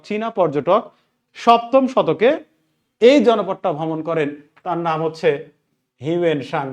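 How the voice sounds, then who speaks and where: A male teacher with a high voice leads a live online revision class. He repeats key points over and over and keeps asking his students whether they understand. The recording sounds dull and lo-fi. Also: a little mellow. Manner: repetitive, drills key facts with check-in questions; reads out viewer names and thanks them.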